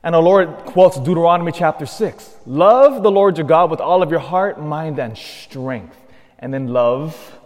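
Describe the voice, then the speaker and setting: A man's voice: on the high side, a little mellow. A man, a priest, reading the gospel and preaching with earnest, emphatic repetition, his voice ringing with a long cathedral-like church echo. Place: large church.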